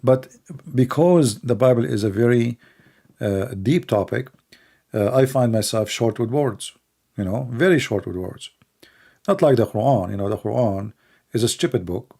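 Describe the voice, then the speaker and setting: A middle-aged livestream debate host, a native Arabic speaker with an Arabic accent, answers questions casually and bluntly, using many fillers and restarts. His mid-range voice is gravelly and warm, a little slow, with frequent pauses.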